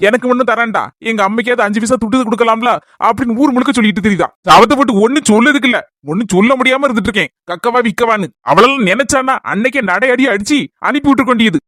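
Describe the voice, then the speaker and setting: A man's voice: very high voice, pushed and bright, no echo, clean studio sound. A man with a Kanyakumari Tamil accent playing a talkative, aggrieved husband in a comedy skit, complaining about his family. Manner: rapid, complaining rant.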